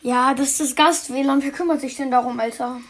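A woman's voice: sits high, fairly even intonation, brisk. A teenage girl hosting a game recording in casual chat, brash and teasing, swearing often. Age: teens. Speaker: let's play host.

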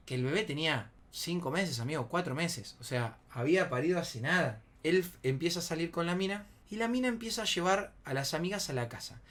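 A man in his twenties with an Argentine Rioplatense accent, telling a comic anecdote in a slangy, profane way and acting out his friends' shouting. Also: a little fast, few pauses. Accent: Argentine Rioplatense Spanish. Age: 20s. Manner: animated storytelling, acts out shouting friends in high strained bursts. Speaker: storyteller.

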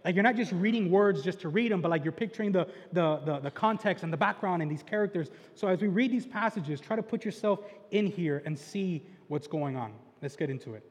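A young man preaching in a loose, chatty way, tossing in "like" and "right?" constantly and building to loud excitement when he retells the story. His voice sits notably high for a man. It rings out with the long, lingering reverb of a large church sanctuary. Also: fairly quick, few pauses. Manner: relaxed slangy delivery with frequent "like" and "right?" asides. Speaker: pastor. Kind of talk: casual, conversational sermon.

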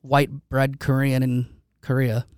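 A man's voice: mid-range voice, completely flat delivery, a little slow, darkish tone, clear, resonant tone, no echo, studio quality. A man hosting a podcast, talking casually with many restarts and fillers. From United States. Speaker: podcast host. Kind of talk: casual chat. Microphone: studio microphone.

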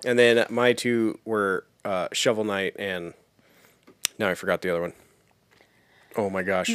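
A man's voice: on the low side, steady tone, measured pace, a bit bright, clear, resonant tone, no room sound. A man hosting a casual gaming podcast, keeping the talk moving.

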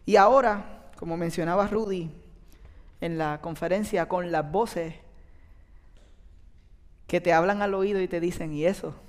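Preacher in a reverberant hall. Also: male voice, high voice, a little slow, long pauses. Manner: earnest confessional storytelling, animated rises. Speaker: youth pastor. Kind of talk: sermon testimony. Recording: long reverb in a large hall.

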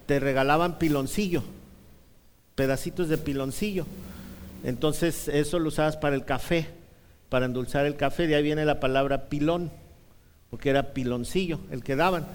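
A man preaching a sermon, telling a childhood story with humor and rhetorical questions. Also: on the high side. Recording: reverberant hall.

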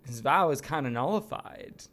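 A man in his thirties chats casually as a podcast co-host, spinning his points out in an animated, storytelling way. His voice sits at an ordinary middle pitch. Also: moderate pace. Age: 30s. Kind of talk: casual chat.

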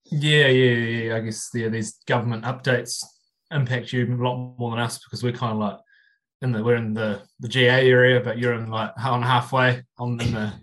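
A man's voice: medium pitch, level tone, normal speed, a bit bright, low-quality recording. A man from New Zealand with a New Zealand accent, chatting casually as a guest on a podcast. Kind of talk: casual chat.

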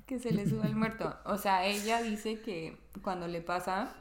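A young woman with a Mexican Spanish accent, co-hosting a podcast in casual chat, relaxed and slangy as she reacts and adds her own story. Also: medium pitch, moderate pace, crowd noise. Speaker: podcast co-host.

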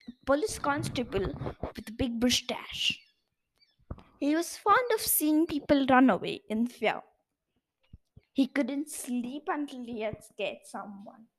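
A woman reading a children's picture book aloud, slow and expressive, stressing key words. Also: on the high side, slight background noise. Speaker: storyteller.

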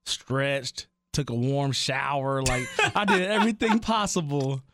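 A man's voice: medium pitch, a little slow, a bit bright, no echo, studio quality. Laid-back man in his thirties. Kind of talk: casual chat.

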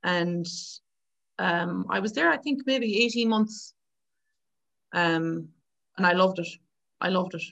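A woman's voice: fairly low pitch, slow, gravelly, pauses often, fairly bright tone, highs cut off. A woman in her thirties with a west of Ireland accent, telling her story informally as an interview guest. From Galway, Ireland. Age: 30s. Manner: informal, chatty, often quoting past exchanges.

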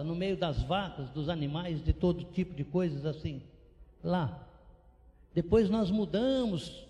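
A man preaching a missionary sermon with animated, repetitive emphasis. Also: sits high. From São Paulo state, Brazil. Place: church sanctuary. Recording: long church reverb.

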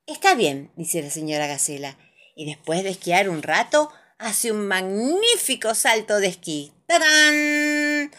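A woman reading children's stories aloud, her voice moving freely up and down in pitch. The narration is expressive and animated, pitched in a middle register. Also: a little slow. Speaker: storyteller.

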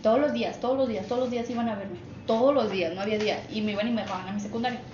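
A woman's voice: fairly high pitch, steady tone, rapid-fire. A young Mexican woman with a Mexican accent telling a personal story on a podcast, emotional and chatty, laughing often. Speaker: podcast guest. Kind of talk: casual storytelling. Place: office. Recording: echoey office, muffled, noisy.

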